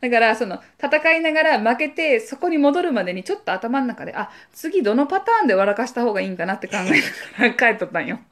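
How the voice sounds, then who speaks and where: A woman's voice: fairly high pitch, big pitch swings, fast talker, few pauses. A woman speaking, co-hosting a podcast and telling a story in casual chat, acting out voices and sound effects as she goes. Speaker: podcast co-host.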